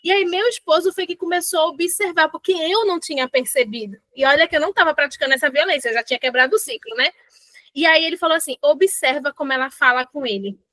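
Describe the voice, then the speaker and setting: A middle-aged woman leads a parenting book club, mixing casual reflection with passages read aloud. Her voice sits high and sounds bright. The recording is dry, with no room sound. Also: fast, no echo. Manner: animated, uses fillers like "né" and "assim", reads quotes aloud.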